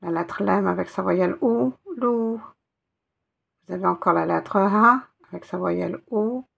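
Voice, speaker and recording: Slow gravelly-voiced woman teaching letters. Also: mid-range voice, a bit bright. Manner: patient, spells out letters and repeats sounds. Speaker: Arabic teacher. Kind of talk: step-by-step reading lesson.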